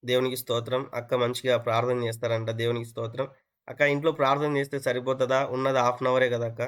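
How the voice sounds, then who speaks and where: A man's voice: mid-range voice, flat delivery, fast. A man preaching an interactive sermon who asks his listeners questions, repeats phrases, and mixes English words into his speech. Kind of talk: interactive sermon on an online call.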